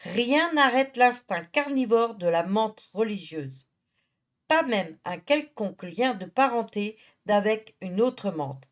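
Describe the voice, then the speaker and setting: A woman's voice: mid-range voice, lively intonation, slow, dull audio. A woman narrating a nature documentary in a familiar, teasing storytelling manner. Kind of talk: nature documentary narration, playful asides to the viewer.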